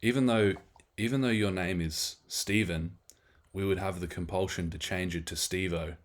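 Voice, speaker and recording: Brief: relaxed Aussie podcast host, very deep voice, casual and wry. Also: male voice, moderate pace. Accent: Australian. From Australia. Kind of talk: casual conversation.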